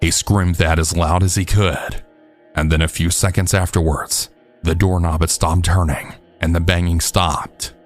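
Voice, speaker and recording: Deep-voiced man narrating scary stories. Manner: steady, measured storytelling. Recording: faint background music.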